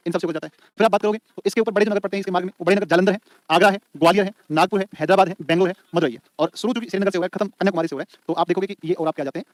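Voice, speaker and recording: A man's voice: sits high, no echo, studio quality. A man teaching an exam-prep lecture in a colloquial way, repeating each point over and over so students can write it down. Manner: colloquial, addresses students as beta and bhai.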